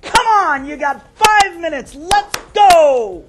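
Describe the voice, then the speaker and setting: A man voicing a gruff father who bellows at his son to get out of bed. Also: very high voice, animated, takes it slowly, a little hiss or hum, voice pushed up, exaggerated voice. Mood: bellowing. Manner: loud, barking commands.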